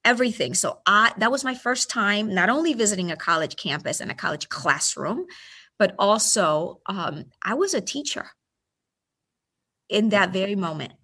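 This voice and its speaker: In an informal interview, this woman, a school superintendent from Puerto Rico, recounts stories in a friendly, talkative way with plenty of fillers. Her mid-range voice is expressive and slightly rough, at a normal speed.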